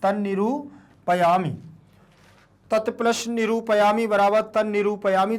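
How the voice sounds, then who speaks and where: A male teacher explaining a lesson step by step, asking questions and answering them himself, and spelling out syllables one by one. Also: high voice. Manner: slow, repeats answers as questions. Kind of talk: classroom explanation.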